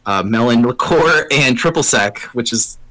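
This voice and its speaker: A man's voice: medium pitch, lively intonation, normal speed, pushed and bright, rough recording. A man chatting casually as a guest on a podcast. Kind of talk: casual chat.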